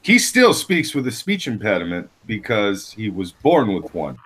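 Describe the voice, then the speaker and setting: A man co-hosting a podcast in rowdy casual chat, loudly yelling crude insults over a voice call. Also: fairly low pitch, big pitch swings, moderate pace, slightly rough. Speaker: podcast co-host.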